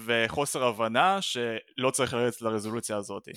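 Bright-voiced man asking hesitantly. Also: mid-range voice, clean tone, no echo, clean studio sound. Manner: hesitant, thinking aloud with fillers. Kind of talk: casual questioning.

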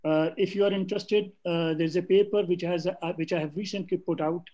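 An older man with a Pakistani accent gives an off-the-cuff panel talk, making emphatic points with hesitant pauses. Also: high-pitched, steady tone, dark tone. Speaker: civil service academic and guest speaker. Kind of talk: extempore panel talk on video call, mixing English and Urdu.

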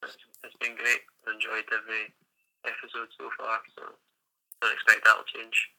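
Male guest, piercing bright voice, relaxed hesitant chatter. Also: lowish voice, normal speed, vocal fry, rough recording. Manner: easygoing, hesitant with fillers. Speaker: podcast guest. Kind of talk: casual podcast chat.

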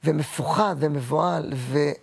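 A man in his sixties, a guest actor and comedian, telling personal stories in a halting, emotional way with many repeats. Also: on the high side, creaky, husky. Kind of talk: personal interview storytelling.

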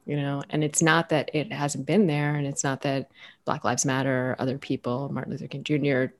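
A woman author raised in the United States, speaking as a guest in an interview, reflective and searching for her words with many pauses and fillers. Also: extremely low pitch, flat delivery.

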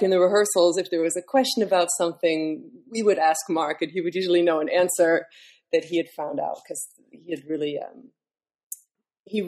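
A woman with a somewhat low speaking voice talks through her craft as a classical singer. She explains things thoughtfully in an unscripted interview, often pausing on fillers and restarting her sentences. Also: creaky, darkish tone. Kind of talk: podcast interview.

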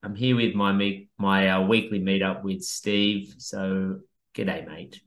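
Laid-back aussie bloke chatting on a podcast, understated, lowish voice, roomy echo. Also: male voice, little pitch movement, measured pace. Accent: Australian. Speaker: podcast host. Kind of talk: casual podcast chat. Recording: roomy, echoey sound.

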